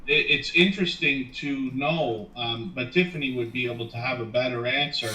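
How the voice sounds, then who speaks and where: A man's voice: mid-range voice, moderate pace, sharp tone. A man from Ontario chatting casually as a guest, thoughtful and hedging with many ums. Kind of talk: casual chat. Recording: echoey, distant mic with faint noise.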